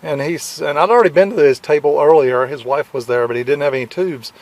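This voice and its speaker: A man vlogging on a camera mic as he walks an outdoor fairground flea market, halting and full of fillers, keen about his finds. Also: fairly high pitch, darkish tone. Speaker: vlogger at a hamfest. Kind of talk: casual walkaround vlog.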